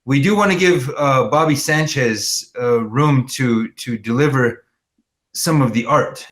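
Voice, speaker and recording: A man's voice: mid-range voice, a little slow, fairly bright tone. A man moderating a panel, asking questions in a brief, tentative way. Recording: faint noise with clicks.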